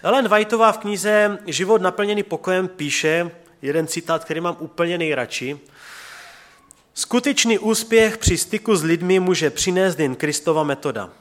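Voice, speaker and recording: Male pastor in his thirties, slightly high-pitched, earnest conversational sermon delivery that sinks to hushed tones. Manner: earnest and conversational, dropping to soft quiet tones. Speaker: preacher.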